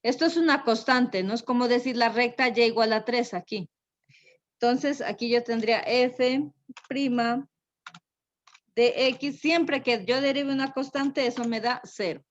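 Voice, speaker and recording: A woman teaching a math lesson, unhurried and thinking aloud, often checking in with a quick tag question. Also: fairly high pitch. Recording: dull lo-fi recording.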